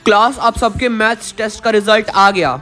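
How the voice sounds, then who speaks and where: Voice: mid-range voice, level tone, moderate pace, bright, forceful tone, lightly acted. Give me an actor playing a stern cartoon schoolteacher laying down rules, with light music behind. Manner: stern, lecturing. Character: strict adult schoolteacher. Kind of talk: cartoon dialogue.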